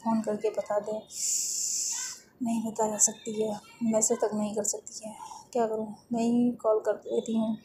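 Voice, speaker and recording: A woman's voice: fairly high pitch, completely flat delivery, unhurried, close to an everyday voice. A woman voicing a worried teenage schoolgirl muttering and fretting to herself. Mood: fretful. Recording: noisy background hiss.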